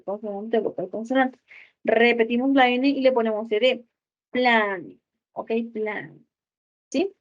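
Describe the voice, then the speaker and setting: A woman teaching an English grammar lesson, explaining step by step and often checking with a quick "ok?". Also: a little high, lo-fi sound. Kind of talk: recorded school lesson.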